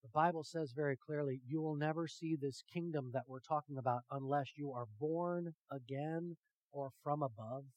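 A man preaching a sermon with emphatic rhetorical questions, swinging from hushed to loud and talking directly to his congregation. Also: on the high side, moderate pace, no echo, lo-fi sound. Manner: talks with the congregation, asks them questions. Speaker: pastor.

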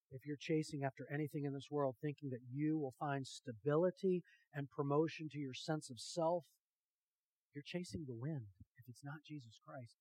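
A man preaching a sermon with emphatic rhetorical questions, swinging from hushed to loud and talking directly to his congregation. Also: on the high side, no echo, low-quality recording. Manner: talks with the congregation, asks them questions. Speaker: pastor.

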